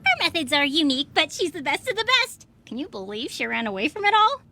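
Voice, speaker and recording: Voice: high voice, very animated, fast, bright, forceful tone, heavily acted. A woman voicing a small, sarcastic magical mascot creature in a comedy cartoon. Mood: snarky. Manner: dry and sarcastic.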